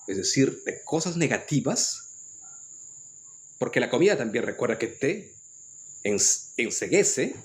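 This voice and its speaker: A man with a Peruvian accent giving an earnest, lecturing spiritual monologue, often restarting his phrases. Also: medium pitch. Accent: Peruvian Spanish. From Peru. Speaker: spiritual commentator.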